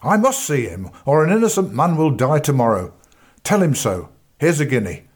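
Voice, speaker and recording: A man reading an audiobook voices a fierce, blunt male Bow Street officer who speaks gruffly and forcefully in an old-fashioned way. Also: medium pitch, measured pace, natural voice. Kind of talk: audiobook character voice.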